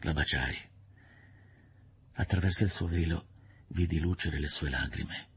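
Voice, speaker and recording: A man narrating a classic novel in the first person, measured and somber, with a husky, gravelly voice. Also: sits low. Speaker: audiobook narrator. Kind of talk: literary audiobook narration.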